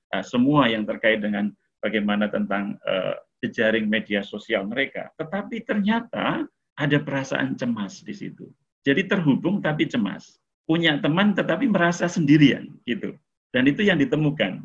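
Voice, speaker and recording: A man's voice: mid-range voice, a bit bright, breathy edge. A middle-aged man giving a casual lecture to an online audience as a webinar speaker, talking in a conversational way with frequent "eh"s and light chuckles. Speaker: webinar speaker on mental health. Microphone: video call. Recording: muffled lo-fi video-call audio.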